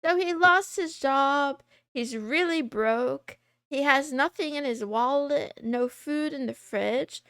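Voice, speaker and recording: A woman's voice run through a voice changer, sitting high and moving at an unhurried pace. She chats casually as a streamer, wandering between thoughts and laughing often. The sound is dry and close, with no room around it. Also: a bit bright, dry recording. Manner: rambling, self-interrupting, laughs often. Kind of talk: casual chat.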